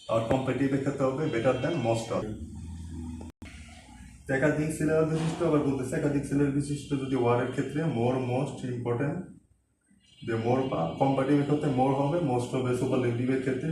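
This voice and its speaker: A man teaching an English grammar lesson, explaining step by step and slowing down to spell out example sentences. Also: mid-range voice, darkish tone, a little hiss or hum. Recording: echoey room, mic at a distance.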